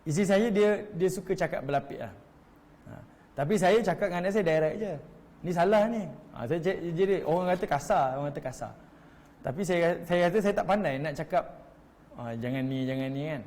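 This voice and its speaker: A man's voice: sits high, fast talker, darkish tone. A middle-aged Malaysian man with a Malaysian Malay accent, teaching a Quran study lecture in a chatty way that addresses the audience directly. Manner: conversational, addresses audience as tuan-tuan, acts out quoted voices. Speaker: religious teacher. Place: hall, live stream. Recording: long hall reverb.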